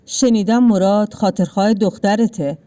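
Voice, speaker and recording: A cold village landlord who gives orders in a calm, curt, menacing way, as a woman narrator puts him on. The voice stays low and mellow, with pitch at an everyday middle level. It is told as part of a read-aloud story. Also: lightly acted. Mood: cold menace.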